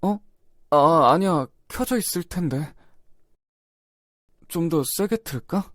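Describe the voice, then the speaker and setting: A man voicing a shy, quiet teenage schoolboy in an audio drama, speaking hesitantly with stammers. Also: on the high side, animated, takes it slowly, no echo, studio quality. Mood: flustered. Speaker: narrator and lead.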